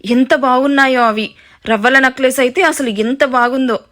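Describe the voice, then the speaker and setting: A woman's voice: high voice, normal speed, a bit bright. A woman voicing a cheerful, naive young married daughter chatting with her mother in an audio story. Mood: gushing. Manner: chatty, gushing.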